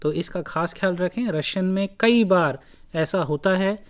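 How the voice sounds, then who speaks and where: A lecturer giving a recorded lesson, speaking deliberately in short broken phrases and repeating key words. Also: mid-range voice. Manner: slow, deliberate, breaks phrases into short pieces. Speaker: language lecturer.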